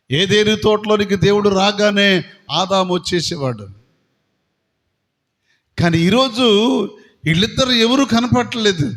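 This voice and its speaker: A pastor preaches a sermon to his congregation in a prayer hall with long reverb. His high-pitched voice is a bit bright, and he asks the congregation questions and acts out voices from the story.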